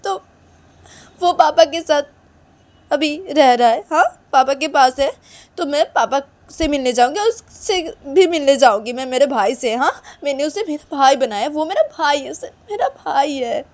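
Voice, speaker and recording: A woman voicing a young woman who cries and pleads in a high, strained voice while insisting she did nothing wrong. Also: sing-song, moderate pace, long pauses, a little mellow. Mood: tearful pleading. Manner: high-pitched, tearful pleading. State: crying. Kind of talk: one-woman voiced romance story.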